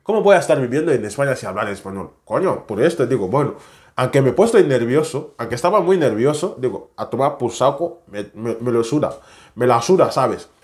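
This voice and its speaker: Young man, speech; animated casual vlogger. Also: medium pitch, a little fast. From West Africa. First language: French. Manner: animated, chatty, non-native Spanish with tag questions. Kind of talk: casual storytelling to camera.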